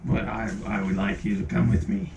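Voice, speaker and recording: A man's voice: on the low side, expressive, moderate pace, creaky, darkish tone, a little hiss or hum, voice pushed down. A man voicing a male rock gnome adventurer in a tabletop game, answering in an easygoing, agreeable way. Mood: friendly.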